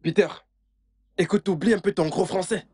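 A man voicing a bumbling, excitable male house servant in a dubbed film, flustered and giggly by turns, given to loud wailing. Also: high-pitched, normal speed, husky. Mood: scolding.

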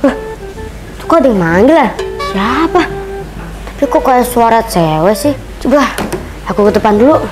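An obliging schoolboy, acted by a young teenage boy, with a high voice. He speaks in an easygoing, casual way in an amateur skit. Music is clearly audible behind him. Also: expressive, moderate pace, long pauses, rough recording. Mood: puzzled.

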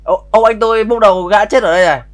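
High-voiced brash man. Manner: brash, swears freely, quick to pick arguments. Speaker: streamer playing a roleplay game. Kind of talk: casual in-game roleplay chat.

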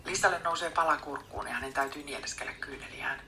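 A woman's voice: rumbling low, a little hiss or hum. Whispering woman reading a book. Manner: soft unvoiced whisper. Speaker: audiobook reader.

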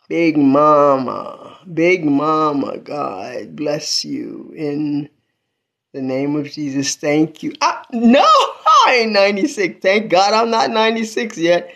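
A woman's voice: low voice, big pitch swings, slow, creaky, a bit bright. An 82-year-old woman chatting on a phone livestream from a small room at home, calling out praise and thanks to God between greetings to viewers. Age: 80s. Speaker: livestream host. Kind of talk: casual livestream chat. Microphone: phone at arm's length.

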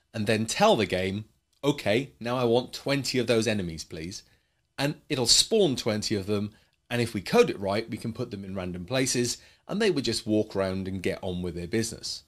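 A man teaching a coding lesson in a chatty way, explaining with playful asides. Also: lowish voice. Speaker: programming teacher.

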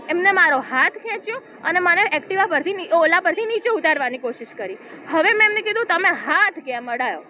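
A woman giving a steady first-person account of an incident, quoting what was said to her. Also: extremely high pitch. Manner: steady retelling, quotes dialogue. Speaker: complainant giving a statement. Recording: tinny phone-like audio with faint noise.

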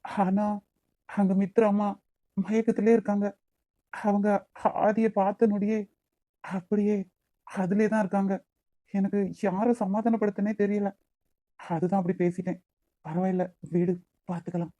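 A woman voicing a caring young man, the elder brother, in a cartoon, with a Kanyakumari Tamil accent and a gentle, consoling manner. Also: mid-range voice, flat delivery, a little slow, long pauses, dry recording, natural voice. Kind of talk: cartoon voice acting.

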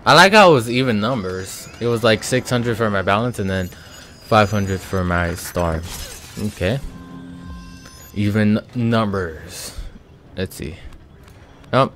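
A man's voice: fairly low pitch, slow, pauses often, a bit bright, faint music behind. A man giving casual let's-play commentary as a gaming channel host, thinking aloud with many ums and sighs.

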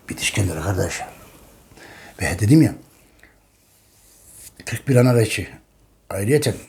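A man's voice: on the low side, mellow, a little hiss or hum. A man hosting a casual history monologue, talking emphatically and repeating his points while addressing his listeners as friends. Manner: emphatic, preaching tone. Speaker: history channel host.

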